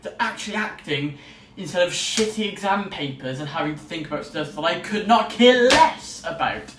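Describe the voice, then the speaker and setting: A young adult student vlogger chats casually to camera, enthusiastic and rambling, in a fairly high, slightly bright male voice. The mic is distant, with roomy echo and faint noise.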